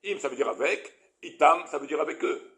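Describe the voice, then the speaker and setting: A man teaching a Torah lesson as a rabbi, animated and questioning his audience, with many Hebrew terms. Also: on the high side, fairly quick.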